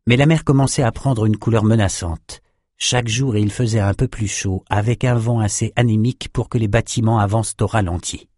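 A man narrating a seafaring adventure in a measured, unhurried storytelling manner. His voice sits on the low side, and the recording is close and dry. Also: fairly even intonation, a little mellow, dry recording. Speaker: audiobook narrator. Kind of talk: scripted narration.

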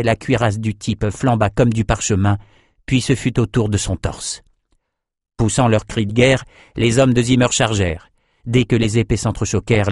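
A man narrating a fantasy audiobook in a steady, even storytelling manner. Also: fairly low pitch, dry recording, clean studio sound. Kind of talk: scripted narration.

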